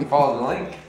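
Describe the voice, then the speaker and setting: A man's voice: a little high, warm tone. A man hosting a food vlog, chatting casually to the camera and laughing often. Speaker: vlog host. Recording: echoey room with faint music.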